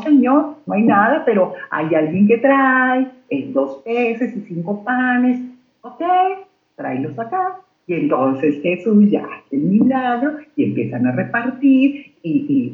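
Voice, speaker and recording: A woman retelling Bible stories in a lively conversational way, acting out the quotes and often asking "right?". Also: deep voice. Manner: animated storyteller, acts out quotes, keeps asking "right?". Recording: echoey, phone-like line.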